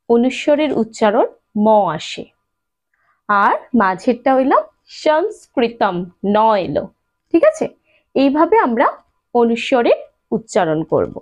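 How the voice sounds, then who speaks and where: A woman teaching a language lesson to her students, patiently repeating and slowly spelling out each sound. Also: fairly high pitch. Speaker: Sanskrit teacher. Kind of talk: spoken lesson addressed to students. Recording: dull lo-fi sound.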